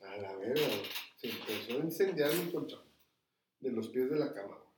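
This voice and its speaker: A man's voice: medium pitch, animated, fairly quick, noisy background. A man with a Mexican accent telling a story in casual chat, swearing freely and tagging nearly every phrase with slang. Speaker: podcast storyteller. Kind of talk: casual storytelling among friends. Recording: roomy echo, mic at a distance.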